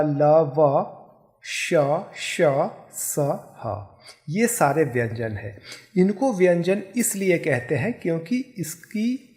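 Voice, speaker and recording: A man's voice: a little high, a little mellow. A man teaching a Hindi grammar lesson, patiently spelling out sounds and example words one at a time.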